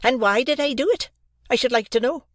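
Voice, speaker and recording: A man voicing a harsh, bullying older housewife who scolds loudly, in a storybook reading. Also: very high-pitched, brisk, no echo, studio quality, voice pushed up. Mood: scolding. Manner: loud, scolding, stressed words.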